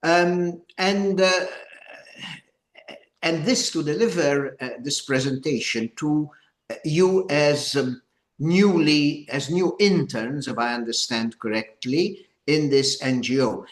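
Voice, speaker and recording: Older man, slightly high voice, halting deliberate lecturer, echoey room. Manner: halting, deliberate, repeats words. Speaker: former judge giving a training session. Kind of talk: informal lecture opening, addressing a group.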